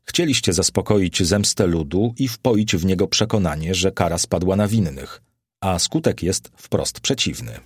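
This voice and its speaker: A man's voice: low-pitched, expressive, measured pace, slightly rough, no echo, studio quality, exaggerated voice. A man reading the part of a grave Roman senator who speaks with anxious concern. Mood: warning. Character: male Roman senator Barea Soranus, worried and grave.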